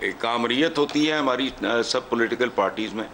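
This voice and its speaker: A blunt, rambling man giving his opinions on a talk show panel, with English phrases slipping into his talk. His voice sits at a middle pitch, with faint noise behind it. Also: moderate pace, a bit bright. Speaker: panel analyst.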